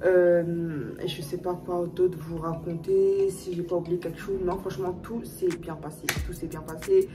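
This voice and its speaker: A young woman speaks straight to her viewers in a casual storytime vlog, circling back over the same points with many fillers and restarts. Her voice sits on the lower side and a little off-mic, with faint music playing underneath. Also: little pitch movement, moderate pace, hardly any pauses, recorded from a distance. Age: young adult. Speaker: vlogger.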